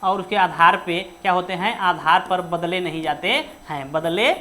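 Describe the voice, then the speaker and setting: A woman teaching a Hindi grammar lesson for an exam, who keeps asking rhetorical questions and answering them herself, sometimes slowing to stress words one at a time. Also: lowish voice, steady tone, fairly bright tone.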